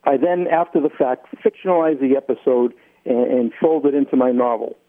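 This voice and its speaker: A man's voice: mid-range voice, steady tone, a little fast, narrow, tinny audio. New England man on a band-limited radio line. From Massachusetts, United States. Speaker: interview guest, novelist. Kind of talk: explanatory interview talk.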